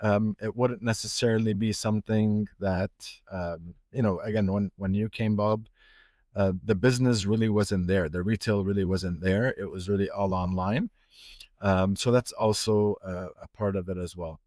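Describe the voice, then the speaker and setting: A man's voice: lowish voice, steady tone, normal speed, a little mellow, no echo, studio quality. A middle-aged man from Egypt, a watch retailer, talking casually in a podcast interview with many fillers and restarts.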